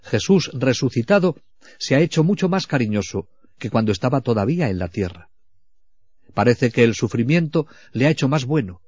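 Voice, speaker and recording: A man preaching at a spiritual retreat in a slow, reflective way, often sinking into a hushed voice. His voice sits at an ordinary pitch. The recording is dull and lo-fi, with a dry, close sound. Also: expressive, no room sound.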